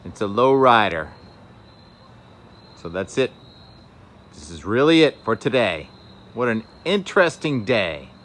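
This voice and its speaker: Outdoors by the beach and waterside, a man vlogs casually on a handheld phone, musing aloud about the sky and weather in short, enthusiastic remarks. His lowish, fairly bright voice swings widely in pitch, and he speaks unhurriedly with long pauses. The recording is clear, with outdoor ambience and vehicle noise.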